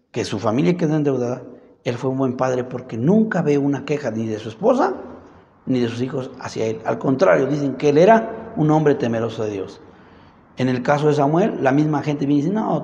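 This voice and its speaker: Preacher, fairly high gravelly voice, dark tone, dull recording in a reverberant hall. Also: male voice, slight background noise. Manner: asks the congregation questions and reads scripture aloud; acts out quoted dialogue in higher voices. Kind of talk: sermon.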